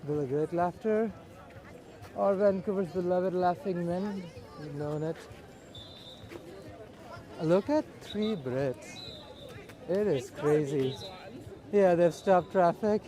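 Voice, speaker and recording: A man giving casual, unhurried walking commentary as a live vlogger, speaking in short observational phrases outdoors. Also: sits high, dark tone. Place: outdoors at a busy beach and streets. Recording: outdoor crowd and street bustle. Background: crowd.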